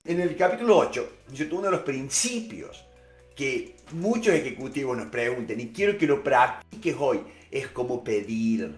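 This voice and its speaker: A man's voice: medium pitch, lively intonation, moderate pace. A middle-aged man with a Rioplatense Spanish accent, giving a motivational talk on negotiation, full of fillers, repeated words and rhetorical questions. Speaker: negotiation expert and author. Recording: echoey room with faint music.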